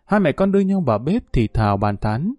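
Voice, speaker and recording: A man reading a story aloud in steady, scripted narration. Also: mid-range voice, fairly quick, dry recording, studio quality. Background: faint music.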